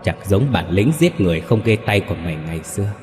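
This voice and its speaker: A man's voice: sits low, animated, fast, a little mellow, long reverb tail. Cold ghost, taunting, mocking, voiced by a man.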